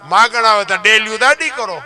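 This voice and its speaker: A man's voice: high-pitched, animated, a little fast. A man, telling folk stories in a moralizing talk, preachy, full of rhetorical questions and lines he half-sings. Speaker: folk storyteller and writer. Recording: clear guitar music under the voice. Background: guitar music playing.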